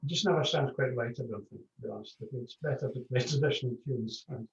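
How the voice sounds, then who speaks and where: A man's voice: mid-range voice, quick pace, gravelly. Scottish man, distant and muffled. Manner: relaxed, explanatory, repeats words. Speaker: piper. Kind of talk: casual interview answers. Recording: distant, dull, echoey call audio.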